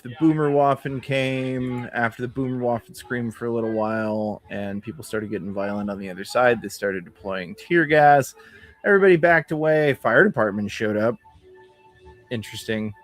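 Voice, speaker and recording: A man hosts a casual livestream while fighting a cold, talking in a chatty, sardonic way and swearing freely. His voice sits at an ordinary middle pitch. Faint music plays underneath him. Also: normal speed. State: has a cold. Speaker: livestream host. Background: faint background music.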